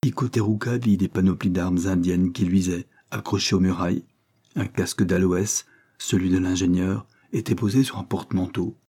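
A man reading an adventure novel aloud as narrator in a measured, dramatic way. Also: low voice, steady tone, dark tone, husky. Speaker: audiobook narrator.

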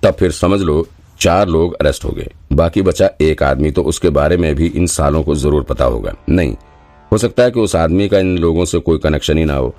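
A man's voice: extremely low pitch, moderate pace, dark tone, soft background music. A man voicing a tough, short-tempered male detective in an audiobook, curt and menacing. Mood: thoughtful.

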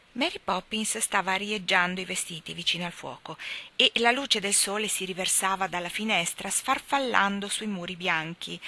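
A woman reading a children's story aloud in an expressive, melodic way. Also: fairly low pitch. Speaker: reader.

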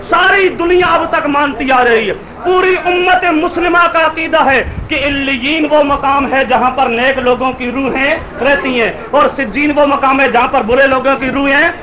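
Male debater, very high voice, fervent and declaiming, over a loud crowd. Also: few pauses. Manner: fervent, declaiming, often shouting. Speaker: religious debater. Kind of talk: public religious debate speech. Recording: noisy crowd around a speaker.

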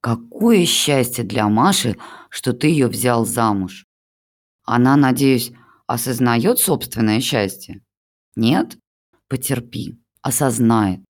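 A reader speaking slowly in a medium-pitched voice brings to life an audiobook's older mother, a melodramatic figure. She plays the pitiful old woman while fawning theatrically over her son-in-law.

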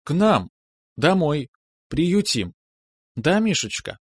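A man's voice: a little high, sing-song, slow pace, husky, dry recording, clean studio sound, pitched above the performer's own voice, heavily acted. A man reading an audiobook, raising his voice to play a playful, bossy young wife who is a student. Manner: playful, mock-stern, decisive.

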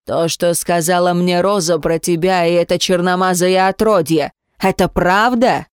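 A woman voicing a domineering, contemptuous mayor who rages at his daughter, speaking slowly and menacingly. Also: fairly low pitch, fairly even intonation, clean tone, no room sound, studio quality, close to an everyday voice. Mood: furious contempt. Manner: slow, menacing, snarling through teeth. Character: domineering, contemptuous male mayor, a stern father.

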